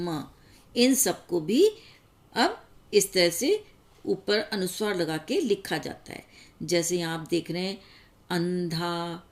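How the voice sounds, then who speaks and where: A woman teacher giving a grammar lesson, explaining step by step and pausing on each example. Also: mid-range voice.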